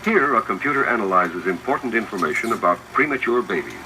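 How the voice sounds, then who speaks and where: A man reads scripted, instructive narration for a 1970s educational film, speaking directly to the viewer in a lowish, expressive voice at a fast clip. The soundtrack is a noisy 1970s 16mm print with the mechanical whir of a projector behind it.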